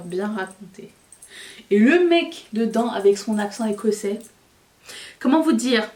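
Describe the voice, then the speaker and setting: A woman's voice: on the high side, warm tone, far from the mic. Woman, beauty vlogger, chatty and self-mocking, roomy echo, a bit off-mic. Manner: chatty, self-mocking, talks while applying makeup. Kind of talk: casual makeup tutorial chat.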